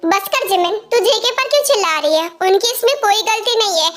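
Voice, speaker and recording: A firm older sister, dubbed by a woman in a homemade fan dub, bossy but caring toward her sibling. The voice sits very high and thin. She talks in an ordinary, unforced way. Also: animated, fairly quick, fairly bright tone. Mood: tired, worried. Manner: scolding then soothing, bossy.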